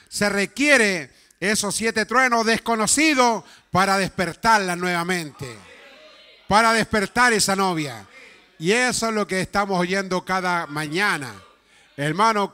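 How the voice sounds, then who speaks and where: A pastor preaching a fervent church sermon, swinging into impassioned shouts and calling out to his listeners as brothers. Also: sits high, clear, resonant tone. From Chile. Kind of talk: fervent Pentecostal-style sermon.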